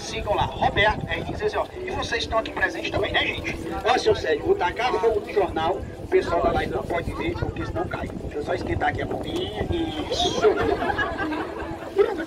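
A man with a Northeastern Brazilian accent doing improvised street comedy, teasing volunteers playfully as he performs. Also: high voice. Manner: teasing, playful crowd banter. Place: open seafront square at night. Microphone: distant camera among spectators. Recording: distant mic, loud outdoor crowd noise. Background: loud crowd and outdoor noise.

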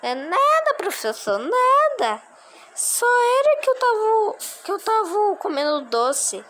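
A woman voicing a cheeky schoolboy who sneaks his phone into class, talking in a squeaky, fibbing way. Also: huge pitch swings, takes it slowly, fairly bright tone, exaggerated voice.

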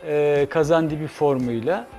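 An older man speaks as a studio guest in a mellow, dark tone that sits a little high, choosing his words slowly and filling gaps with hesitations. Faint music runs behind him. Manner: measured, hesitant, many fillers. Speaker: guest, cafe owner. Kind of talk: studio interview. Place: TV studio kitchen set.

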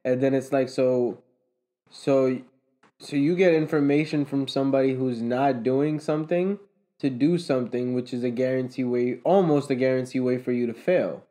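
A young podcast co-host explains things at length in casual chat, with many restarts and fillers. His mid-range voice is warm and moderately paced. He's recorded by a camera across a table in a room with a conference table.

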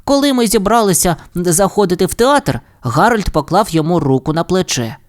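A man narrating a children's audiobook story in an expressive, playful way. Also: sits high, a little fast. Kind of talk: audiobook fairy tale narration.

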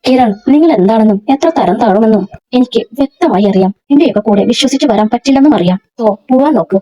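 A woman's voice: fairly high pitch, expressive, fast talker, mellow. A woman reading a curt, firm young woman. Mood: curt, angry. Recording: dull lo-fi recording.

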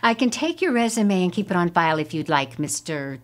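An actress playing a prim hiring receptionist in a comedy sketch, polite and dryly dismissive. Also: female voice, lowish voice, very animated, brisk. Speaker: receptionist interviewer.

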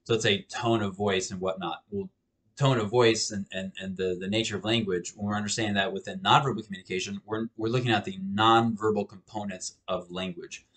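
The speaker is a professor in his thirties delivering a recorded lecture via webcam from a small home office. He is casual and conversational, restarting frequently and repeating words, and his lowish, fairly bright voice holds a steady tone at a brisk clip.

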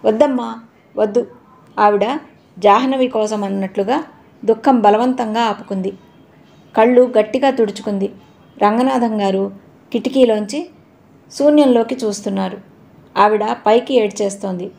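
A woman narrating an audio novel in a calm, expressive storytelling manner. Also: medium pitch, moderate pace, creaky, long pauses.

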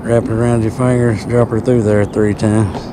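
Lowish-voiced guy chatting easy while fishing off a boat, loud wind and water noise on the camera mic. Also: level tone, normal speed. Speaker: fishing vlogger. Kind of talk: casual fishing commentary. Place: small fishing boat on a lake, outdoors. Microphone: action camera. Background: outdoor water noise.

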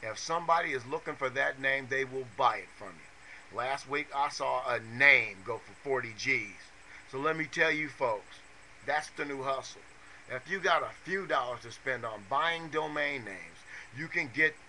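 Fast-talking angry man on a webcam. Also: medium pitch, lively intonation, sharp tone, a little hiss or hum, low-quality recording. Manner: insistent, repeats instructions, swears. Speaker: vlogger giving money-making advice. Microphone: webcam mic.

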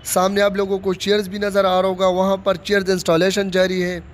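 A Pakistani vlogger with a high-pitched, totally flat voice talks a little fast as he leads a casual walking tour of a big stadium under construction. Holding his phone camera outdoors, he gives plain running commentary and repeats phrases.

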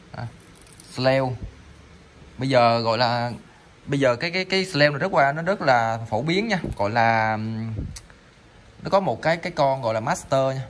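Man, medium voice, casual seller, rambling, stammers and restarts often, light noise behind. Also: medium pitch. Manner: rambling, stammering, lots of fillers. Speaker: online seller of salvage electronics. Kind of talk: casual sales talk while demonstrating parts.

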